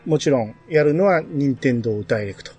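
A man's voice: medium pitch, animated, normal speed, a little mellow, breathy edge, faint music behind. A man chatting casually as the host of a podcast. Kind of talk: casual chat.

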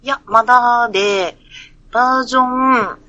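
A woman's voice: fairly high pitch, unhurried, bright, forceful tone, dry recording, lo-fi sound. A woman in a casual chat about a video game, giggling often and hesitating as she recalls things.

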